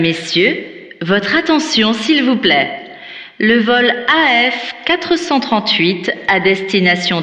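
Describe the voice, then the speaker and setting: A woman playing an airport announcer, making a formal, measured announcement over a public-address loudspeaker. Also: on the high side. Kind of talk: scripted exam listening recording. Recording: echoey, hall reverb, dull lo-fi.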